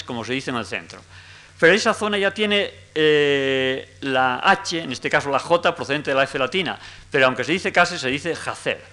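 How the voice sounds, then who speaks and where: A man with a Spanish accent giving a measured academic lecture, explaining step by step with frequent fillers. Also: medium pitch, sharp tone. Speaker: lecturer on dialects.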